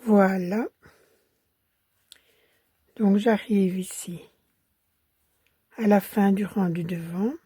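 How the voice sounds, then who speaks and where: This Belgian-accented French woman has a cold-roughened voice as she patiently teaches a crochet pattern, murmuring stitch counts to herself. She speaks in a mid-range voice, very slowly, with frequent pauses. No room sound is audible.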